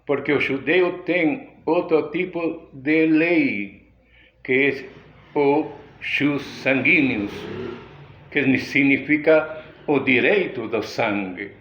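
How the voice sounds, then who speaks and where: A man from Peru, a pastor with a Peruvian Spanish accent and Spanish as his first language, giving a deliberate, unhurried sermon. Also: mid-range voice, lo-fi sound. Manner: unhurried, deliberate teaching delivery with frequent pauses.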